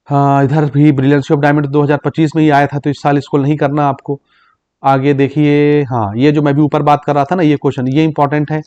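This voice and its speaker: A man's voice: fairly high pitch, darkish tone, lo-fi sound. Man teaching, reading out exam questions. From Chhattisgarh, India. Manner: explains in Hindi mixed with English terms, repeating "ठीक" to check understanding; reads English exam questions slowly aloud. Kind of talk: exam-prep lesson.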